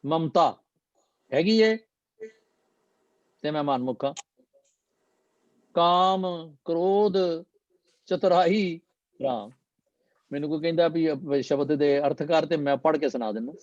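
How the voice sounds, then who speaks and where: A man teaching scripture, speaking very slowly and deliberately with English phrases worked in. His voice is warm and mellow and sits a little high. The recording is dry and slightly muffled. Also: dry recording. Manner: slow, deliberate, mixing English phrases into explanation. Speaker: Gurbani teacher. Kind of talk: scripture explanation talk.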